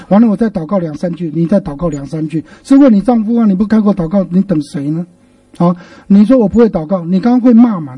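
A middle-aged man, preaching a sermon as a pastor and telling stories with lively rhetorical questions, recorded from a distant mic on a radio broadcast. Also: high-pitched, breathy edge, no room sound, lo-fi sound.

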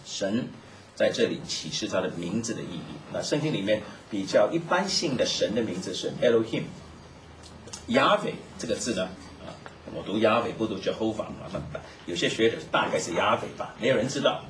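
A man preaching a Bible teaching sermon, explaining in a lively way and mixing in English terms. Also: fairly low pitch, moderate pace. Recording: echoey, distant mic, noisy room.

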